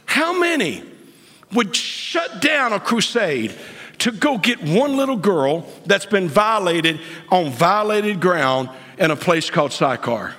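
A pastor in his late fifties delivers a sermon in a church sanctuary, speaking slowly and deliberately in a husky, slightly breathy voice. Very animated, he swings from hushed, whispered asides to sudden high, ringing outbursts. A long church-hall reverb trails his words.

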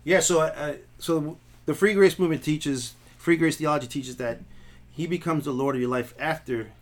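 A man's voice: a little high, normal speed. A man, a pastor co-hosting a podcast, talking through theology in an earnest, casual way with frequent restarts. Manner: earnest, restarts often, affirms the other.

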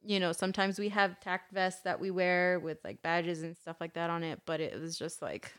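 A woman's voice: on the low side, steady tone, normal speed, fairly bright tone, clean tone. A woman co-hosting a casual podcast, telling stories with lots of swearing and frequent laughter. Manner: profane, storytelling, laughs often. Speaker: podcast co-host.

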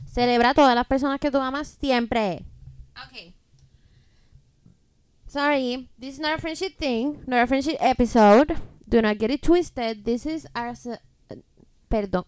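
A native Spanish-speaking woman in casual podcast chat, switching constantly between Spanish and English in an animated, sweary way. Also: sits high, measured pace, clear, resonant tone, dry recording. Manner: animated, profane. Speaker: podcast co-host.

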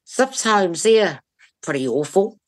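A woman's voice: mid-range voice, lively intonation, takes it slowly. A woman with a New Zealand accent giving blunt, emphatic opinions in conversation, repeating phrases for stress. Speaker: interview guest.

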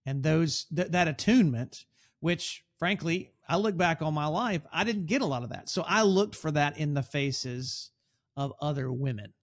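A man's voice: on the high side, animated, moderate pace. A man co-hosting a podcast, speaking reflectively and personally, with small restarts. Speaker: podcast co-host. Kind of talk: conversational podcast discussion.

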